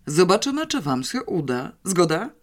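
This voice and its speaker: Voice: mid-range voice, big pitch swings, moderate pace, pitched above the performer's own voice. An audiobook narrator voicing a patient, wry adult police captain who coaxes the children along. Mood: coaxing. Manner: coaxing, slightly mysterious. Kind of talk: audiobook character reading.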